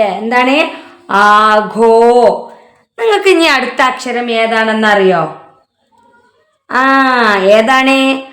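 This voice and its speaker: Woman teacher, Malayali accent, slow, raised-pitch alphabet lesson voice, asks and answers herself. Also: a bit bright. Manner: asks then answers herself, drawn-out syllables. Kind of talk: letter lesson for children.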